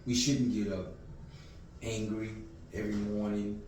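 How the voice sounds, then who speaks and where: Fifties male guest, unhurried and thoughtful, with a faint hiss under a distant mic. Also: fairly low pitch. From Louisiana. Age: 50s. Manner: calm, reflective, many "you know"s. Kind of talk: casual interview. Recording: echoey room, distant mic, faint noise.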